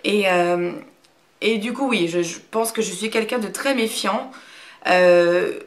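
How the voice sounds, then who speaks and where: Reserved woman in her thirties, plain middle voice, frank but halting, casual video talk. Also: medium pitch. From Brittany, France. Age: 30s. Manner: hesitant, many fillers and restarts. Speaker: YouTuber. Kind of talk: casual talk to camera, answering a question tag.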